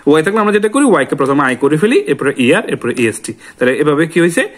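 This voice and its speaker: A man's voice: a little high, big pitch swings. Man teaching grammar, asking questions aloud. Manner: asks questions and answers them himself; repeats word forms in slow drills. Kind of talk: classroom grammar lesson.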